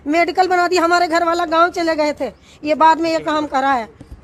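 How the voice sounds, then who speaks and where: A woman's voice: very high-pitched, little pitch movement, moderate pace, crowd noise. Indignant woman denying accusations. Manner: indignant, swears innocence. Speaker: accused landlady. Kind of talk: defensive street interview.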